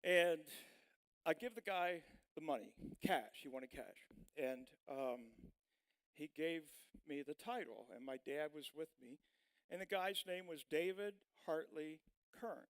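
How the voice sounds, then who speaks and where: Folksy storytelling pastor, slightly high voice. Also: male voice, measured pace, smooth, rough recording. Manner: folksy, rambling anecdote with many fillers. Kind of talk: storytelling sermon.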